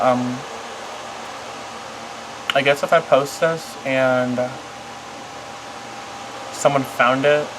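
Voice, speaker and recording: A vlogger talking casually and confessionally to camera in a halting, rambling, apologetic way that often trails off. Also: medium pitch, background noise. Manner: apologetic, self-conscious.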